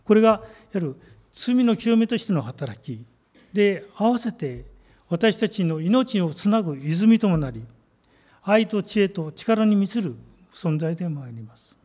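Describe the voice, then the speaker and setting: A man delivers a sermon in a fairly high but mellow voice. His phrasing is measured and deliberate, and he slows down to stress key words. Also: very animated. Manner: measured, emphatic preaching with slow stressed phrases. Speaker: pastor.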